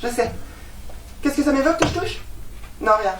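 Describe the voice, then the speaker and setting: Heard from far off on an echoey stage with a noisy background, an actress plays an exasperated, sarcastic new tenant in a comedy. The young woman is sharp-tongued and ironic, speaking at a normal speed in a high voice with lively intonation.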